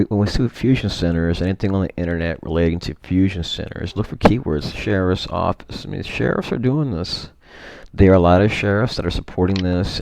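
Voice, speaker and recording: A deep-voiced man with a gravelly edge talks through his screen share at home. He wanders and corrects himself often, leaning on fillers as he goes. The sound is dry and close, with no room around it. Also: a little mellow, no echo. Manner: rambling, frequent fillers and self-corrections. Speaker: vlogger. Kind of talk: casual screen-share commentary.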